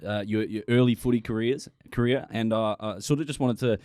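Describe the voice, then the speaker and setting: Australian man, podcast host, laid-back, casual swearing, lowish pitch, dry close mic. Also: fairly even intonation, fairly quick, a little mellow, clear, resonant tone, dry recording. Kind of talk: casual interview chat.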